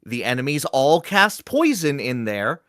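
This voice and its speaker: Animated man in casual gaming chat. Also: medium pitch, dry recording, studio quality. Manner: animated, slips into quick comic voices for quoted lines. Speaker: podcast co-host.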